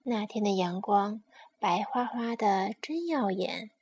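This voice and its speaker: A woman reading a bedtime story aloud to a child in a slow, gentle manner. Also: medium pitch, slightly rough.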